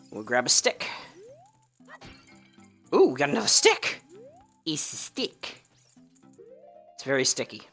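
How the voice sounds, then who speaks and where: A man's voice: fairly high pitch, bright, forceful tone. A man streaming a video game and chatting casually over it, joking and laughing often. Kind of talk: casual let's-play commentary.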